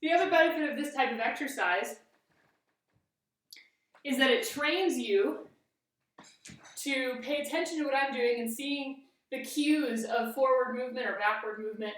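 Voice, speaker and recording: A woman's voice: high-pitched, normal speed, pauses often, fairly bright tone. Woman, fencing coach, step-by-step instruction, heavily reverberant room, distant mic. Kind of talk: instructional exercise demonstration. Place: echoey indoor room. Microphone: camera at a distance. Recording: very echoey room, distant microphone.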